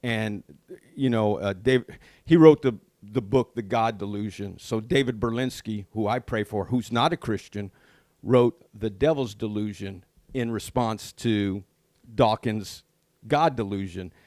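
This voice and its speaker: A man's voice: on the low side, a little slow, a little mellow, dry recording, clean studio sound. A middle-aged man co-hosting a podcast in casual chat, telling stories earnestly about his faith. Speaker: podcast co-host.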